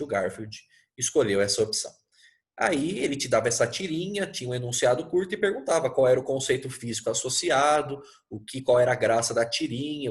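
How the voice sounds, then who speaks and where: A Brazilian man teaches physics live online, in a friendly, conversational way. His pitch sits right in the middle for a man. He keeps pausing to check in with his students, joking lightly as he explains. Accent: Brazilian Portuguese. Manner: chatty and playful, constantly checking in with students.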